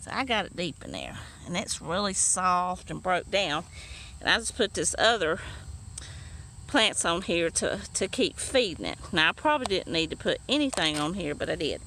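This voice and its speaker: A home gardener chats casually while working in her backyard garden bed, rambling with many fillers and restarts and out of breath after hours of yard work. Her low, creaky voice is expressive, bright and forceful at normal speed. Recorded roughly on a phone or camera she holds, with faint outdoor noise.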